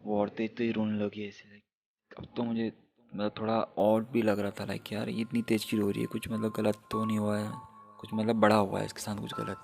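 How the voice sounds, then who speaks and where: A young man tells his own ghost story in a relaxed, chatty way, speaking right to his audience. His voice is low and gravelly with a flat, even delivery. Faint music plays underneath. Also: normal speed. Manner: chatty, sprinkles English fillers, addresses viewers as guys. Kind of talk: casual first-person horror story telling.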